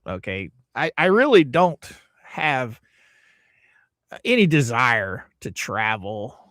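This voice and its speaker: A man's voice: mid-range voice, very animated, slow, pushed and bright, no room sound, studio quality. A man from the United States hosting a casual livestream, greeting viewers by name and rambling through opinionated asides. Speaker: livestream host.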